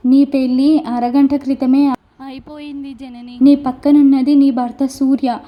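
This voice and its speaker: A calm young man coaxes and soothes in a steady, patient way in a spoken storybook, voiced by a woman. The voice stays high and light rather than deep. The recording has a dull, lo-fi sound. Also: unhurried. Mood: soothing. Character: calm, reassuring young man, gently insistent.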